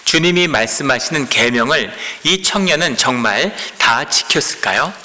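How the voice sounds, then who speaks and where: A man preaching a Sunday sermon, his voice very bright and forward. He retells a story as he goes and acts out both sides of the dialogue. His words ring out with a long reverb in a church hall. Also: mid-range voice, animated, normal speed. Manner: storytelling, acting out dialogue between master and disciple. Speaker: pastor. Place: church sanctuary.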